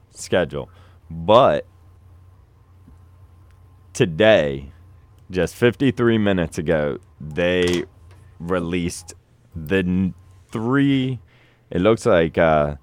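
Male host, deep and slow, casual rambling sports talk. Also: clear, resonant tone, no room sound. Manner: relaxed, rambling, trails off and restarts. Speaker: show host.

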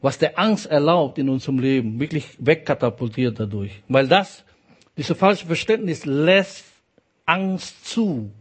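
Slow, emphatic preacher, fairly high voice. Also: male voice, lively intonation, slightly rough. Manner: emphatic, repeats key phrases, asks the congregation "ja?". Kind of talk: sermon.

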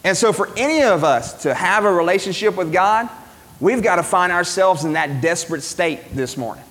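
A man's voice: high voice, expressive, normal speed, a bit bright, long reverb tail. A man preaching a Sunday sermon to a congregation gathered in a cafeteria, speaking earnestly and conversationally, with occasional fillers. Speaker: pastor. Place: cafeteria used for church.

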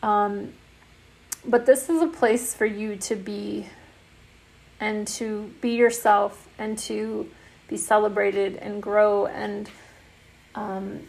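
A woman who founded an online community, talking casually and softly about it, with frequent fillers and restarts. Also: medium pitch, vocal fry. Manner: soft, meandering, many fillers and restarts. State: has the hiccups. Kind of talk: casual spoken promo talk.

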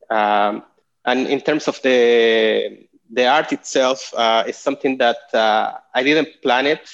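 Chilean-born man, halting over a call. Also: fairly low pitch, creaky. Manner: halting, many fillers and restarts. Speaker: guest artist. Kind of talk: casual interview. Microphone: video call. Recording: dull lo-fi call audio.

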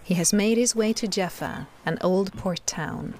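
A woman's voice: medium pitch, a little slow, a little mellow, a little hiss or hum, lightly acted. A woman playing a disembodied, commanding voice of God who narrates and coaxes in an audio drama. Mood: wry, insistent.

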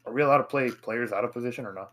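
A man's voice: medium pitch, very fast, fairly bright tone. A young man in casual banter with friends, slangy and sweary, constantly saying "bro". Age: young adult. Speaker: podcast co-host. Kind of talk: casual banter, football player draft.

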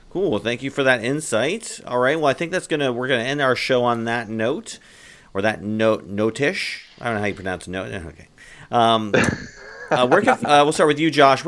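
A man's voice: medium pitch, moderate pace, fairly bright tone. A man hosting a podcast, upbeat as he puts questions to guests and wraps up the show. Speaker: podcast host.

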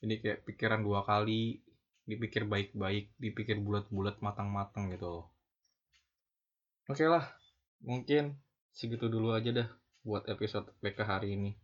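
A man's voice: on the low side, normal speed, pauses often. Young guy w lecturing, swears a lot, kinda muffled lo-fi audio. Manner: preachy, scolding, heavy slang and swearing. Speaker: vlogger. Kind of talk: ranting monologue.

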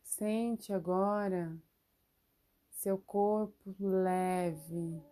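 A woman leading a guided relaxation meditation, giving soothing instructions with long pauses. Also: mid-range voice, fairly even intonation, mellow.

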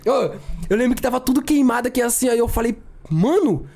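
A man's voice: extremely high pitch, animated, fast, vocal fry, a little mellow. A young man co-hosting a podcast and telling a story in a casual, slangy way, full of repeated filler words. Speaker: podcast co-host.

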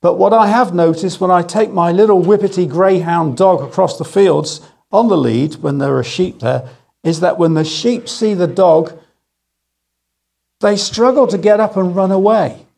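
A middle-aged man preaching a sermon, telling stories with gentle humour and slowing down on key phrases. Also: sits high, creaky. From England. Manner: storytelling with gentle humour, slow emphatic phrases. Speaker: guest speaker.

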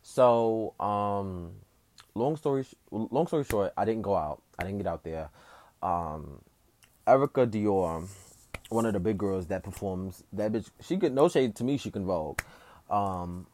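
A young man casually telling a personal story, animated and slangy, full of fillers and acted self-talk. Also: on the low side, a little slow, a little hiss or hum.

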